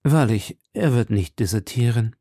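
Male reader doing a commanding, exasperated king, louder and higher than his narration, gravelly. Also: lively intonation, moderate pace, dry recording, clean studio sound. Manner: imperious, loud, exasperated. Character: irritable commanding king, middle-aged man. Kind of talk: audiobook character voice.

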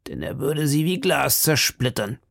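A man reads as a stern old musketeer captain with a gravelly edge, set a little higher than the narration. He weighs each word slowly and lectures in a measured way. The sound is dry and close. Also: animated, a bit bright, dry recording, exaggerated voice. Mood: lecturing. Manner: measured, lecturing, drops to murmurs. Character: stern shrewd older male captain of musketeers. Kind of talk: audiobook reading.

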